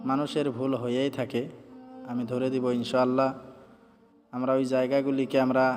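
A man's voice: mid-range voice, a little mellow. A man teaching correct pronunciation, patiently repeating and sounding out syllables. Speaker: recitation teacher. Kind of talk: explanatory lesson. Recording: reverberant with faint music.

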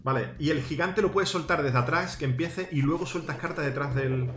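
A man giving excited gameplay commentary, coaching his teammates and shouting at big plays. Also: on the high side, brisk. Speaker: gaming YouTuber host. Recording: roomy sound with game music. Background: game music.

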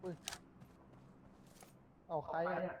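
A man's voice: extremely slow, highs cut off. A man chatting loosely with teammates during an online match, joking and swearing freely. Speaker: esports player. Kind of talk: casual team voice chat during a match. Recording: noisy game audio behind voice chat. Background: gunfire and game sounds.

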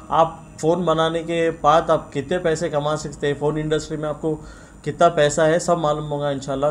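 Brief: young man, slightly high voice, earnest press talk, faint shop noise. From India. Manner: earnest, frequent religious blessings. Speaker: shop owner. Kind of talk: press interview. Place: indoor shop in front of press mics. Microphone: bunch of press mics on table.

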